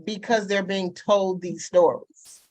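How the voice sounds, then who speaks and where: A woman's voice: mid-range voice, fairly even intonation, takes it slowly, a little mellow, no echo, poor audio. A woman speaking on a discussion panel, making an impassioned argument and building her points with examples.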